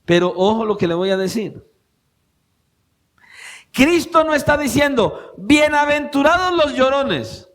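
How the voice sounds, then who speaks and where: High-voiced man preaching a sermon. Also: expressive, measured pace, long pauses. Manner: swings between raised emphatic preaching and quiet intimate asides; asks the congregation direct rhetorical questions. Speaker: pastor. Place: church.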